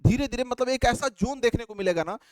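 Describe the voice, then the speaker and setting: A man gives a whiteboard lecture, drawing on the board as he explains, asking questions and answering them himself, and repeating key terms like a drill. His voice is extremely high and smooth, his pace quick, and the recording has no echo.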